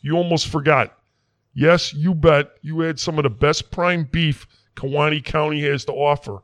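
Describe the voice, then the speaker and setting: A man's voice: fairly high pitch, steady tone, normal speed, fairly bright tone, no echo, studio quality, close to an everyday voice. A man doing a folksy quack doctor. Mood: rambling. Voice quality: folksy, rambling, self-assured. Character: folksy small-town Wisconsin "doctor", middle-aged man. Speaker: comic character in a mock interview.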